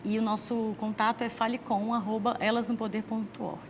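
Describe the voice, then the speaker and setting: A woman's voice: on the high side, level tone, brisk, background noise. A Brazilian woman guest on a studio talk show who explains her group's work at length and speeds up when she quotes other people. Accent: Brazilian Portuguese. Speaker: guest, political organizer.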